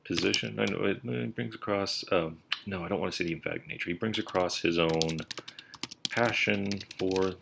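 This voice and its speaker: A writing instructor talks through his notes in a casual, self-correcting way, thinking aloud as he types. His voice sits very low with a gravelly fry. The recording carries clear background noise and the clatter of typing. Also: moderate pace. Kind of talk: screencast lecture. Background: keyboard typing and clicks.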